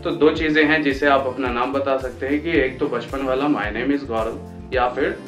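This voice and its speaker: A young man in his twenties from Patna teaches spoken English, breaking off to say each example sentence slowly and carefully. His voice sits at an ordinary middle pitch and rings around a reverberant room, with soft music playing underneath. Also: steady tone. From Patna, India. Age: 20s. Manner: slows right down to spell out English example sentences. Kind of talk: Hindi-language lesson on English phrases. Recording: echoey room with faint music.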